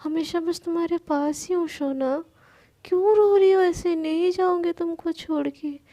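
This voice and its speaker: A woman's voice: very high voice, a little slow, warm tone. A woman voicing a playful, doting young woman in love who teases and soothes her partner. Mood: soothing. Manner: teasing and soothing, calls her partner baby.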